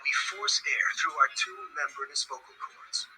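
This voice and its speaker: A man's voice: medium pitch, completely flat delivery, normal speed, bright, forceful tone, husky, soft background music, rough recording. A man giving dramatic, emphatic scripted documentary narration.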